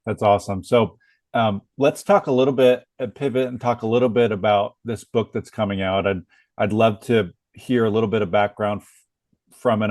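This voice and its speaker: A man's voice: on the low side, darkish tone, no echo, studio quality. An American man hosting a podcast, asking friendly, rambling questions with fillers. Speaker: podcast host. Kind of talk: interview questions.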